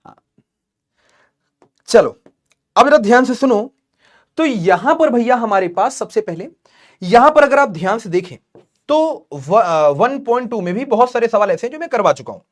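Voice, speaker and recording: A man's voice: extremely high pitch, very animated, moderate pace, pauses often. Guy teaching math online, jokes around with students a lot. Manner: joking, teasing students between explanations. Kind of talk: live online class lecture.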